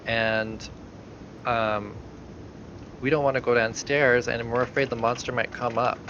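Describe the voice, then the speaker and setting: A man voicing a frightened girl of about eight in a tabletop game, speaking in halting, pleading phrases. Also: mid-range voice, fairly even intonation, muffled recording, background noise, natural voice. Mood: worried. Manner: pleading, halting child speech.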